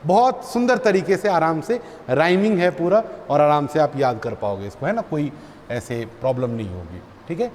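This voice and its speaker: High-voiced male physics teacher drilling students. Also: lively intonation, moderate pace, a little mellow. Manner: addresses students as "beta", repeats terms for drilling. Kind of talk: classroom lecture. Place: classroom. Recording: long reverb, faint background noise.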